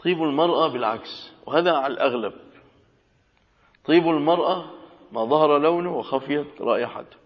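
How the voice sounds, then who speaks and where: A man's voice: on the high side, brisk, long pauses. A man teaching a religious lesson, reading a classical text aloud and explaining it in colloquial asides. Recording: dull lo-fi audio with long hall reverb.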